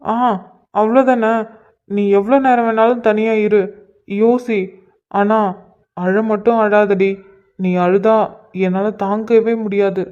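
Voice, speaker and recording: A man's voice: high-pitched, flat delivery, slow, pauses often, a little mellow, clean tone, lo-fi sound. A man doing a tender, soothing cartoon husband. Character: gentle devoted young husband.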